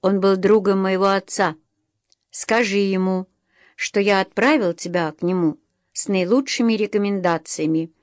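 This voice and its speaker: A woman voicing a gruff middle-aged male blacksmith master in an audiobook, speaking a little hurt but encouraging. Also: medium pitch, steady tone, moderate pace, no room sound, clean studio sound, lightly acted. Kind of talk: audiobook reading.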